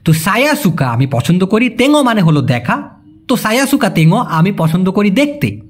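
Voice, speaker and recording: Lively, husky language teacher. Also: medium pitch. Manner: colloquial, repeats example phrases slowly. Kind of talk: language lesson.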